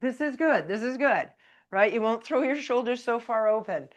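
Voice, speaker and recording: A woman's voice: fairly high pitch, lively intonation, normal speed, muffled recording. A woman pilates instructor leading a live exercise class, calling out counts and breath cues in a chatty, encouraging way. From Canada. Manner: chatty, laughs between cues.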